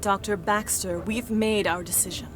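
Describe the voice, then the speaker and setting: A woman's voice: medium pitch, steady tone, normal speed, lightly acted. A woman playing a composed, resolute scientist in a sci-fi video game, speaking earnestly. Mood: calm, firm.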